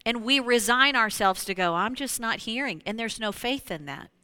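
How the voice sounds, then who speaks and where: A woman preaching a sermon to a congregation. She talks to them directly, slips into hushed whispers and then rises to loud exclamations. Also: a little high, animated, normal speed, clear, resonant tone, no room sound. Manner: addresses the congregation directly, with frequent "you know".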